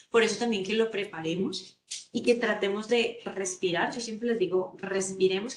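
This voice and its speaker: A woman coaching students through a lecture, checking in with them often as she explains. Her voice sits at a middling pitch and carries a roomy echo. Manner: warm coaching tone, many rhetorical "¿sí?" check-ins. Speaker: career counselor teaching a workshop. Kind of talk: virtual class lecture.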